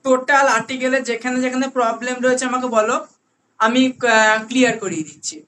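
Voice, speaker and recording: Teaching grammar online, a Bengali-accented woman with a high, slightly bright voice explains patiently. Key words are repeated slowly, and she regularly checks whether students are following.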